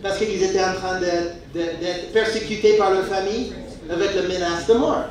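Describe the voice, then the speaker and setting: A man with an American accent preaching a sermon, emphatic and rising to shouts. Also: sits high, fairly even intonation, normal speed. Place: church hall with a congregation. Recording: echoey church hall, distant mic, audience.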